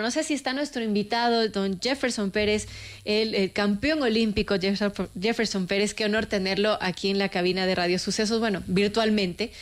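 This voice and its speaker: Woman, radio host, upbeat promo read, then interviews a guest. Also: mid-range voice. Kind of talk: radio show hosting and interviewing.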